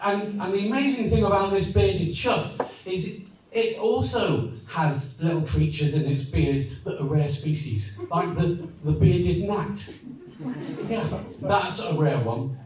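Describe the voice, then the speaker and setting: Slow, rambling comedian. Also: male voice, high-pitched, noisy background. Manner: rambling, halting, deadpan asides to the audience. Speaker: stand-up comedian. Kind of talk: live stand-up comedy. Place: comedy venue. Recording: echoey live room, far mic, audience. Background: audience.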